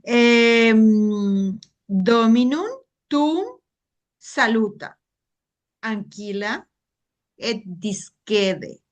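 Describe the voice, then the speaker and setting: Very slow halting female student. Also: on the high side. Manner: halting, repeats words while sounding them out. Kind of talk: reading aloud in class.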